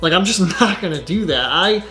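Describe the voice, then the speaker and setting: A man's voice: high voice, expressive, moderate pace, sharp tone, faint music behind. A man doing casual reaction commentary on his channel, rambling and exasperated, with lots of filler words. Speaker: YouTuber.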